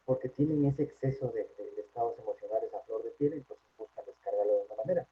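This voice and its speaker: A man with a Peruvian Spanish accent, a psychologist giving an informal workplace talk in a chatty way, often checking in with a quick question tag. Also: on the low side, husky. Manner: conversational, frequent tag questions. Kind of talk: informal lecture. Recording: tinny phone-like line.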